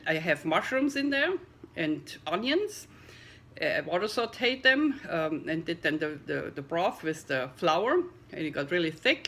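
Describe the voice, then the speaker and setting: A woman's voice: medium pitch, fairly bright tone. A middle-aged woman chatting casually in her home kitchen for a food taste-test vlog, talking as she eats. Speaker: vegan cooking vlogger.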